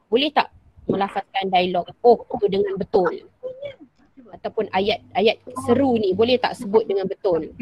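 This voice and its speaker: A woman's voice: medium pitch, expressive, normal speed, creaky, breathy edge. A woman primary school teacher with a Malaysian Malay accent, giving an online lesson and acting out example sentences with patient repetition. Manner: patient, repeats example sentences with acted intonation. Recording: dry, dull lo-fi sound.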